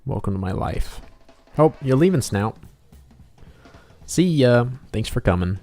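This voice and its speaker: This livestream host, an artist and game developer, draws while talking casually to viewers and muttering asides to himself. His medium-pitched, mellow voice is very animated yet keeps a measured pace. Background music plays.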